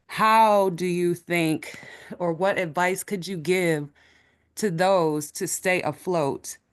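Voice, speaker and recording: Out-of-breath woman, low smooth voice, earnest webinar question. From Chicago. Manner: earnest, explains at length with many ums. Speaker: audience member asking a question.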